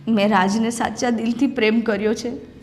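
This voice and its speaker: Woman as a young bride, tearful, pleading, fairly high voice. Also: fairly even intonation, normal speed, a little mellow, lightly acted. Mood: hurt. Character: young bride from a poor family, hurt and pleading. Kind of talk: family drama acting.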